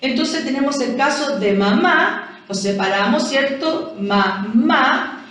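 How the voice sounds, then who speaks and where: A woman's voice: high-pitched, expressive, a little slow, fairly bright tone. A Chilean woman teaching a primary school language lesson, explaining patiently and checking in with frequent rhetorical questions. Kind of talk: recorded classroom lesson explanation. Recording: very echoey room, voice from far off.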